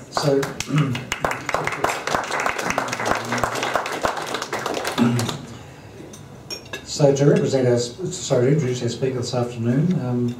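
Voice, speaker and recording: At a lunch event in a dining hall, a man with a mid-range voice introduces a speaker, his formal remarks halting and full of ums and throat clearing. The hall is roomy, the mic distant, and dishes clatter amid the background noise.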